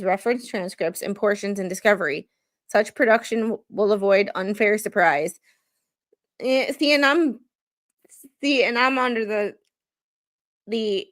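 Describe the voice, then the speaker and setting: A woman at medium pitch hosts a livestream, offering commentary despite not being a lawyer. She stumbles through legal filings out loud and talks about them casually, often putting herself down in jest.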